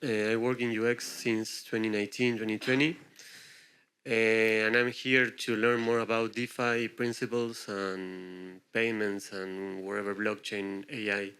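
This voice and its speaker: A man from Argentina, a product designer, introducing himself in a relaxed, casual way. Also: lowish voice, unhurried, clear, resonant tone. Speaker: workshop participant, product designer. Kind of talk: self-introduction.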